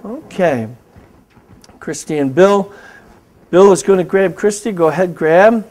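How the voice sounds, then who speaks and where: A man's voice: high voice, unhurried, darkish tone, slight background noise. Man coaching self-defense moves. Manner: coaching, giving step-by-step commands. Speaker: host and martial arts instructor. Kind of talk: instructional demonstration, talk show.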